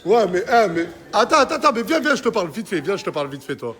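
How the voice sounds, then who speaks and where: A man's voice: high-pitched, big pitch swings, fast, a bit bright. A man chats in street slang, an insistent mediator who keeps repeating short phrases. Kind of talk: casual chat in French suburban street slang.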